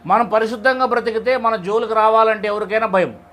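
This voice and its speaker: A man's voice: high-pitched, fairly even intonation, brisk, a bit bright. A man preaching in a conversational style, putting rhetorical questions to his listeners and retelling stories in plain speech. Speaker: preacher leading a Bible study. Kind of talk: conversational sermon.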